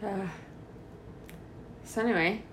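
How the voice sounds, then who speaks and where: A young woman co-hosting a casual podcast chat at home, teasing and reacting with quick laughs. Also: mid-range voice, a little hiss or hum, rough recording. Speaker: podcast co-host. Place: home kitchen.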